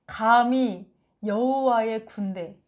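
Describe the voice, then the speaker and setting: A woman leads a conversational Bible study, her voice a touch higher than most. She talks animatedly and often slips into lively quoted lines from the stories she explains. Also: takes it slowly. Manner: animated, acts out biblical quotes. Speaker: Bible teacher.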